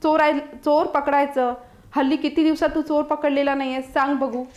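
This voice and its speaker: A woman's voice: high voice, level tone, normal speed, a little mellow, roomy sound, lightly acted. A woman doing a coaxing, fatherly house master.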